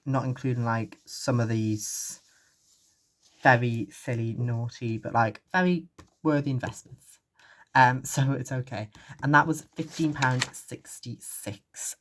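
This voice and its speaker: A young man from the United Kingdom chatting casually through his monthly budget, rambling with lots of fillers as he does sums out loud. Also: medium pitch. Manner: rambling, filler-heavy, thinking aloud while doing sums. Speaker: budgeting vlogger. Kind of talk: casual chat.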